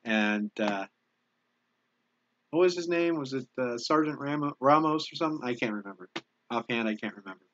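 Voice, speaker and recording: A man's voice: medium pitch, expressive, fairly bright tone, dull audio. A man chatting casually on a live stream, thanking viewers for donations and often restarting his sentences. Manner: halting, restarts often, easily moved by donations. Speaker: YouTube channel host reading viewer donations.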